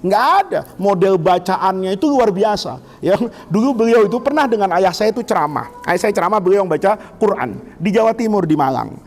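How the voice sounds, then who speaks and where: A middle-aged Indonesian man giving an Islamic lecture to students in a lively, teasing way, asking them questions. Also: high-pitched, a little fast, few pauses. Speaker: Islamic teacher. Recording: long hall reverb.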